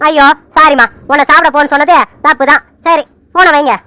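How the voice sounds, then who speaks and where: A woman voicing a teasing man who chats on the phone in an animated serial, full of mock fear and pleading. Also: high voice, a little fast. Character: man called Surya sir on the phone, teasing. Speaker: cartoon character.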